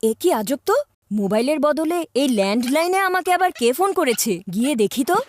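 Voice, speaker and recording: An actress voicing a smug, bossy older-brother schoolboy in a cartoon dub. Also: female voice, high-pitched, big pitch swings, fast talker. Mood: puzzled. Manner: bossy, smug, self-satisfied. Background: background music.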